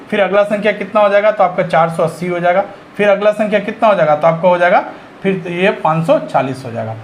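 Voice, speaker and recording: High-voiced man teaching a maths lesson. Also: slight background noise. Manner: works through sums step by step, asks and answers himself. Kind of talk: exam-prep maths lesson.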